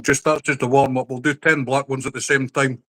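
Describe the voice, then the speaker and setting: Casting: man, stream host, blunt and sweary, mid-pitched, casual banter. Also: level tone, brisk, a bit bright. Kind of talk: casual chat on a livestream.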